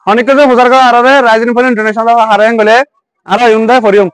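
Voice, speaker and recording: High-voiced man teaching English intonation. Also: steady tone, normal speed, clean tone, no room sound. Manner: mixes English phrases with regional Bengali, drills students in call-and-response. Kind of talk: classroom lesson.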